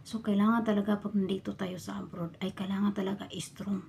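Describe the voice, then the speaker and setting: A woman from the Philippines, a domestic worker abroad, telling her story in a casual vlog and often dropping into a hushed whisper. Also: mid-range voice, little pitch movement, a little fast, vocal fry, a little hiss or hum. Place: a bedroom in her employer's home.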